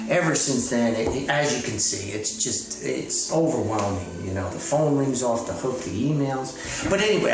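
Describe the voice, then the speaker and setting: An author hosting his own comedic podcast delivers a rambling, casual comic monologue, folksy, hesitant and mock self-important. His voice is mid-range. He's off mic at a distance in an echoey room, with music playing.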